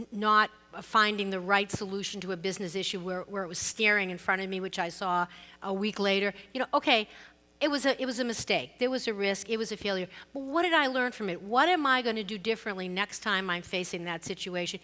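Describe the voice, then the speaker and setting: A woman's voice: medium pitch, fairly even intonation, fairly quick, sharp tone. A middle-aged woman with a Boston accent, speaking candidly and with self-deprecating humor on a conference panel. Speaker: panelist, law firm co-managing partner. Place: conference stage. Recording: reverberant conference hall.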